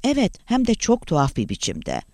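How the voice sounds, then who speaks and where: Man reading as a calm scholar, measured, explanatory, animated pitch, dry close mic. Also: no echo, exaggerated voice. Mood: thoughtful.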